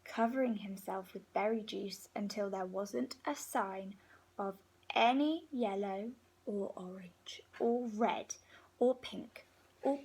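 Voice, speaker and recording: For young listeners, a husky-voiced teacher at medium pitch reads a storybook aloud, slow, animated and unhurried, with pauses between phrases. It's an expressive children's read-aloud captured in low-quality audio.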